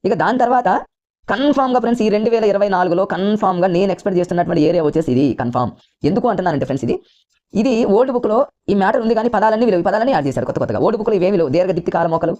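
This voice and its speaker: A man with a Telugu accent runs an exam coaching lesson at a breakneck pace, his mellow voice coming through a dull, lo-fi recording. He keeps repeating points and calls his listeners friends. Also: high voice, expressive. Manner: rapid, repetitive, keeps addressing listeners as friends. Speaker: teacher.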